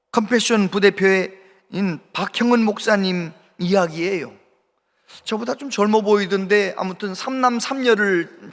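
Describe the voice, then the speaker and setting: A male pastor delivers a sermon, telling a story and acting out its people with lively shifts of pitch and loudness. His voice sits high. A long reverb trails each phrase through the church sanctuary. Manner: animated storytelling with acted quotes.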